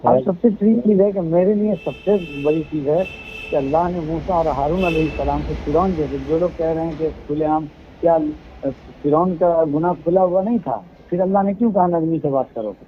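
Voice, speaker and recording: In a heated call captured on a tinny phone line with a little hiss or hum, a man organizing an event justifies his actions at length by citing religious sayings. He speaks at normal speed in a voice on the high side.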